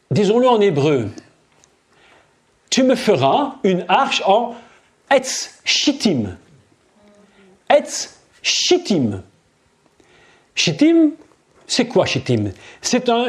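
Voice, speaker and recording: A man preaching a sermon at a seminar, emphatic, repeating key phrases and addressing his listeners directly. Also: high-pitched.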